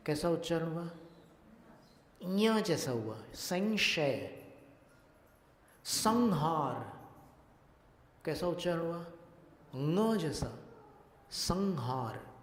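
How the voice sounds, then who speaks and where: A male monk giving a religious discourse, teaching Sanskrit pronunciation slowly and deliberately and putting questions to his listeners. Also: fairly high pitch, a little mellow, slight background noise. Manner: slow, deliberate, questions the audience. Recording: echoey hall with long reverb.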